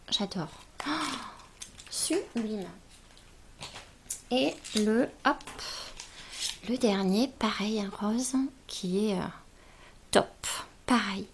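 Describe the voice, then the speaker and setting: A woman with a medium-pitched voice unboxes beauty gifts in a casual chat, slow and drawn out, gushing and exclaiming throughout. She's a beauty vlogger, and there's slight background noise.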